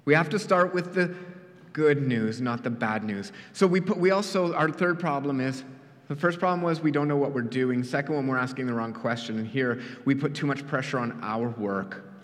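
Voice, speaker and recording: A man's voice: medium pitch, moderate pace. Male pastor preaching, earnest storyteller, medium voice, big echoey church. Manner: earnest, storytelling, drops quiet for emphasis. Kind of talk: sermon.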